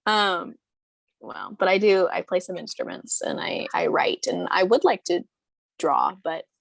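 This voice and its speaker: Gravelly-voiced young woman, rambling and hesitant. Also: fairly low pitch, very animated, measured pace, dry recording. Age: 20s. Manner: rambling, hesitant, many fillers and restarts, laughs often. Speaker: interview guest. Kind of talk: casual interview chat.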